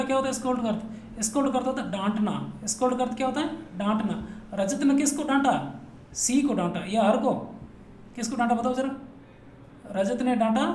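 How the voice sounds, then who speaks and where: A man's voice: very high voice, darkish tone. Echoey male teacher drilling students playfully. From Rajasthan, India. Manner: drills students, asks and answers his own questions; playful, repetitive. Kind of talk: classroom grammar lesson. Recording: echoey room with faint noise.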